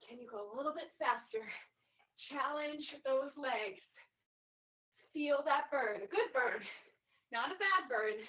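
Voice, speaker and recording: Female fitness coach, high voice, rallying pep-talk delivery with clipped commands; roomy, distant-miked sound. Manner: urgent, encouraging cheerleading with short commands and whoops. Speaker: fitness instructor leading a live online workout class. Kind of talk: motivational workout coaching, like a halftime pep speech. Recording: echoey room, far from mic, thin phone-like sound.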